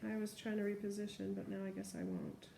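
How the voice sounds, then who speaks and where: A woman with a dark-toned, mid-range voice full of vocal fry talks briskly, her pitch swooping wildly. She chats informally while narrating a hands-on nail tutorial step by step, in an echoey room with faint background noise.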